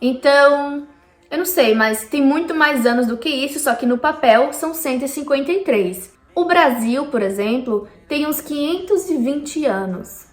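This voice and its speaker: With a high, expressive voice and a moderate pace, a Brazilian woman living in Canada explains history to her vlog audience. She speaks with a Brazilian Portuguese accent, stays chatty and talks straight to viewers, and the sound echoes around her.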